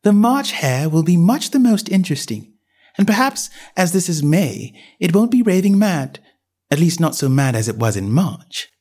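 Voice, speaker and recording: A man's voice: fairly high pitch, sing-song, normal speed, a little mellow, pitched above the performer's own voice. A man doing Alice, a prim curious girl. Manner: raised, questioning, prim tone. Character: curious, polite young girl, earnest.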